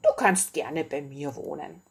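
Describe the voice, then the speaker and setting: A woman's voice: low-pitched, measured pace, gravelly, breathy edge, pitched below the performer's own voice, exaggerated voice. A woman voicing a brave, spirited little princess in a story read aloud. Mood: kind. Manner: bold, lively.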